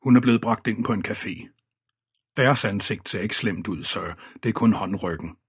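A man's voice: fairly low pitch, breathy edge. A man voicing a pale young police constable who politely calls everyone sir, in an audiobook reading. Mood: calm helpful.

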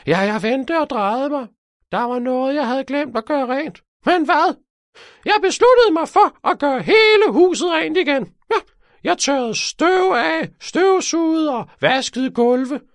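A man voicing a sly old cleaning lady with a shrill, hissing voice in a children's audiobook. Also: dry recording, studio quality. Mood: sly, fussy. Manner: fussy, excitable storytelling. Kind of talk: storybook character voice.

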